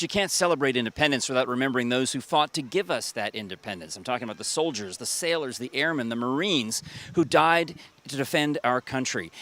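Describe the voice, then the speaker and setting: A man's voice: medium pitch, a bit bright. A man hosting a local TV feature outdoors in a city park, giving an upbeat, folksy tour-guide delivery. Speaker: TV host. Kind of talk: TV feature presenting.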